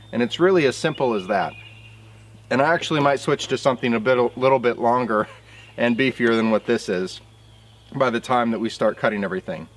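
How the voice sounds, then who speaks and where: A man's voice: medium pitch, a little hiss or hum. A man in his thirties, a sawmill operator, casually explaining his work in an outdoor how-to vlog, recorded on a camera mic in a field. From southern Indiana.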